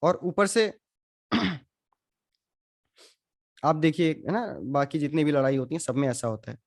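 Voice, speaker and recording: A man leads a scripture class in a steady, conversational voice. He keeps asking his listeners questions and drops English phrases into his explanations. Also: a little high, unhurried. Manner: questions the audience, mixes in English. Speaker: spiritual teacher. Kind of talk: Gita class lecture.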